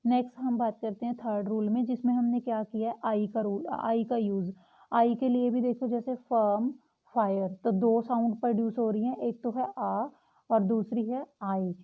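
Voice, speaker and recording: A young woman teaching a lesson, patiently repeating example words slowly. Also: fairly high pitch, steady tone. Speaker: English teacher. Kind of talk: explaining a lesson. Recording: tinny phone-like audio.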